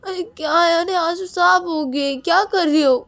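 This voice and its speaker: A woman's voice: normal speed, vocal fry, fairly bright tone, exaggerated voice. A woman voicing a sulky, easily hurt young woman who threatens to cry in a spoken story. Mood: flustered. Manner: whiny, high, sulking.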